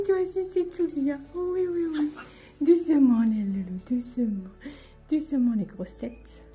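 Woman pet owner, high and slow-spoken, gentle cooing baby talk, phone mic, faint music behind. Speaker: pet owner filming her pets. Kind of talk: casual vlog, talking to her pets. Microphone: phone held in hand.

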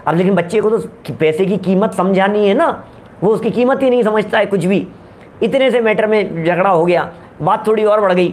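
A man's voice: sits high, normal speed, a little mellow. A middle-aged man preaching a religious discourse. He tells everyday stories and keeps asking his listeners rhetorical questions. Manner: storytelling with everyday examples, asks rhetorical questions.

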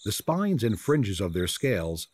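A man reading scripted nature documentary narration in a measured, descriptive manner, as the narrator of a wildlife film. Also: on the low side, big pitch swings, darkish tone, slightly rough, dry recording. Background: music.

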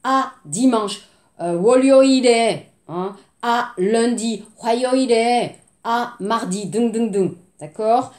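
Casting note: woman, language teacher, high bright voice, slow deliberate phrase modeling, roomy echo. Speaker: French teacher. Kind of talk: language lesson for Korean learners.

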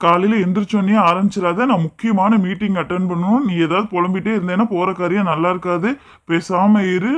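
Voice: medium pitch, steady tone, fairly quick, close to an everyday voice. A performer playing a busy father who answers curtly and impatiently. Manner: curt and impatient. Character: gruff busy father and husband.

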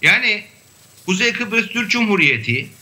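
A man with a high voice and a very bright, sharp tone explains his points as a guest on a panel discussion. He talks in a measured way, pausing often on fillers. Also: very animated. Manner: measured, hesitant with frequent fillers. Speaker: academic guest.

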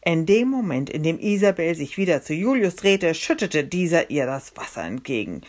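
A woman reading a children's book aloud with expressive, dramatic storytelling. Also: sits low, normal speed. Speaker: storybook reader.

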